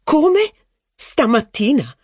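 A man's voice: high-pitched, big pitch swings, fairly quick, darkish tone, no echo, clean studio sound, pitched above the performer's own voice. A man voicing an imperious, demanding aristocratic duchess in an audiobook. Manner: imperious, commanding servants.

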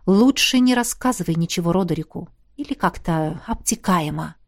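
A woman voicing a blunt, sharp-tongued young woman who talks in a brisk, commanding way in an audiobook. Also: on the low side, lively intonation, vocal fry, voice pushed down. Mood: dry. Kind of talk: audiobook reading.

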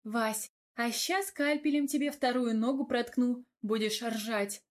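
A bossy young woman doctor barks orders and dry threats in a higher, pushed voice, as a woman reading the story puts her on. She sounds stern and mocking. The delivery is an audiobook reading. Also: expressive, moderate pace.

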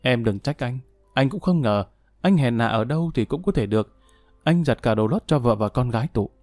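A man's voice: medium pitch, lively intonation, moderate pace, darkish tone, no room sound, natural voice. A man takes on a bitter, remorseful prisoner in a storybook reading. He sounds weary and self-pitying. The recording is dry, with faint music underneath.

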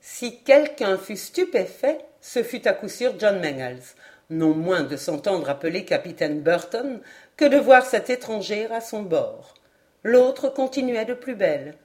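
A woman reading a classic adventure novel aloud as an audiobook narrator, in an expressive literary style. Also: medium pitch, measured pace. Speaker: audiobook reader. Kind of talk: scripted narration.

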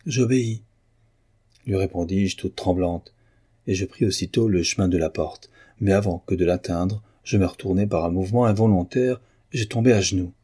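Deep husky male audiobook narrator. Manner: measured, expressive reading of an old novel. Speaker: audiobook reader. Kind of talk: scripted narration.

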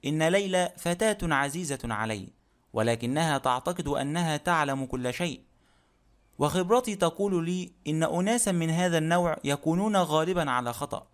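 A man's voice: on the high side, natural voice. A man voicing a stubborn elderly lady. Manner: firm, self-assured speech. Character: elderly widowed aunt, stubborn. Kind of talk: audiobook character reading.

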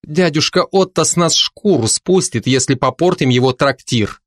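A man's voice: a little high, moderate pace, no room sound, clean studio sound, lightly acted. A man voicing an earnest young male bard apprentice who speaks firmly.

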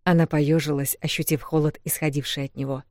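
A woman narrating a fantasy audiobook in a measured, steady way. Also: sits low, no echo, studio quality.

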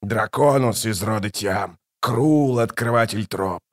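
A man voicing a scornful ancient tyrant king in a dramatized audiobook, contemptuous and rising to furious shouts. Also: on the low side, slow pace. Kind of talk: audiobook reading with character voices.

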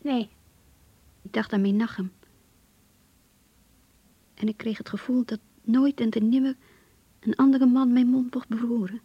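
Rachel, breathy young diarist. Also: female voice, a little high, fairly even intonation, measured pace, pauses often, no echo, lo-fi sound. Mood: confiding, tender. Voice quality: soft, breathy. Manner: intimate, reflective narration. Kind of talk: Dutch radio play monologue.

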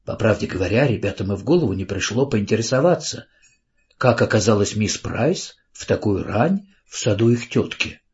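A man narrating an audiobook in a calm, even storytelling manner, on a dull lo-fi recording. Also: lowish voice, moderate pace.

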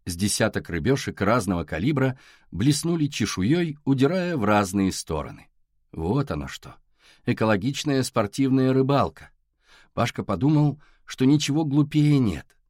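Guy reading a novel out loud, really lively voice, dry close sound. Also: medium pitch, moderate pace, no room sound. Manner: expressive reading with acted dialogue. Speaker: audiobook narrator. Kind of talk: scripted narration.

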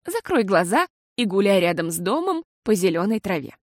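A woman voicing a patient, tired mother who talks slowly and soothingly. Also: mid-range voice, sing-song, no echo, studio quality. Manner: slow and soothing.

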